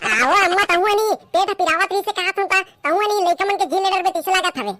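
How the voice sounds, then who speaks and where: A woman's voice: extremely high pitch, crowd noise. A woman voicing a lazy young village man from a comic skit, grumbling and making excuses in a Chhattisgarhi accent. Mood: whiny. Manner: whiny, grumbling, quick to complain.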